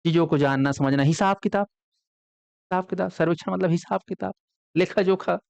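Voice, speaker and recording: A man's voice: sits high, brisk, gravelly, a little mellow, dry recording, lo-fi sound. Man teaching a quiz-style class. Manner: quizzes students with frequent call-and-response questions. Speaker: exam coaching teacher. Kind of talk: classroom lecture.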